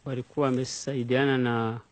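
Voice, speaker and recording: Halting male defendant, dry sound. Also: medium pitch, level tone, no echo. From Rwanda. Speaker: defendant testifying. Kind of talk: courtroom testimony.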